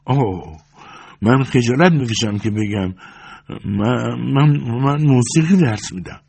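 Brief: man doing a humble, flustered old woman in an audiobook, husky and high, full of pleading exclamations. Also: expressive, a little mellow. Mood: apologetic. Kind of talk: audiobook character reading.

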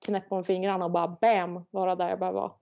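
A woman co-hosts a podcast, trading jokes and casual swearing. Her voice is gravelly and dark in tone. The sound is a little dull and lo-fi. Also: lowish voice, flat delivery. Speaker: podcast co-host. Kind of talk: casual chat.

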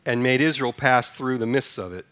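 The speaker is a Sudanese pastor addressing his congregation casually, asking questions and then conducting a responsive reading line by line. His voice is medium in pitch and fairly bright, moving at normal speed.

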